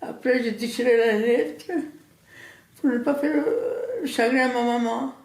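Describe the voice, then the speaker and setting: An elderly Italian woman with a gravelly voice tells her memories slowly, in halting French. She stumbles and repeats words as she goes. The recording carries a noticeable room echo. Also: a little high, fairly even intonation, a little mellow. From Italy. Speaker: interviewee recounting her immigration. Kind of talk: personal storytelling. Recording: echoey room.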